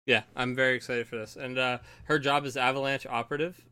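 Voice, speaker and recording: A man co-hosting a casual card game podcast, chatty and enthusiastic, quick to laugh. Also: medium pitch, flat delivery, pushed and bright, smooth. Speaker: podcast co-host.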